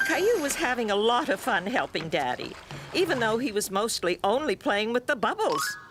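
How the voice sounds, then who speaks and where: A woman giving scripted, clear storybook narration for a children's cartoon. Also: fairly high pitch, big pitch swings, moderate pace, loud music behind the voice.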